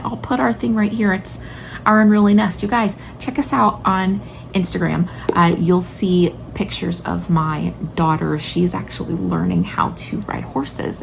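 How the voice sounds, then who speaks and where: A homeschooling mother in her late thirties hosts a video recommending books, chatting to viewers casually and enthusiastically. Her delivery is emphatic and informal, her voice fairly low and gravelly. There is background noise.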